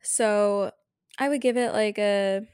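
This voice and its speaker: Woman, podcast host, casual chat, informal girly phrasing, smooth clear voice, dry sound. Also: mid-range voice, fairly even intonation, takes it slowly, darkish tone, dry recording. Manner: informal girly slang, chatty. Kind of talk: casual chatty solo podcast. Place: on a bed indoors.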